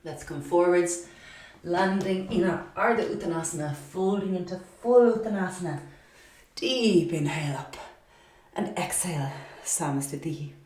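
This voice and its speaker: A woman's voice: on the low side, normal speed, darkish tone, distant mic. Echoey, breathless woman yoga teacher. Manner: chatty, encouraging, self-deprecating, counts reps aloud. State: out of breath while exercising. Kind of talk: guided yoga class instruction. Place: yoga studio.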